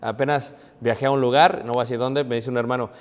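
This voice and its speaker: A man's voice: medium pitch, fairly even intonation, fast. A man preaching a sermon to a Bible class in a church, talking conversationally and putting rhetorical questions to his listeners. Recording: long reverb of a hall.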